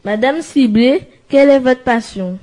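A woman's voice: high voice, a little slow, dark tone. A woman playing a patient male reporter. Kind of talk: amateur radio-skit acting.

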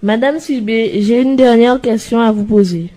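A patient male reporter interviewing a talkative couple, voiced by a woman in an amateur radio skit. He keeps his questions polite, with a mellow, darker tone than the others. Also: fairly high pitch, moderate pace, close to an everyday voice.

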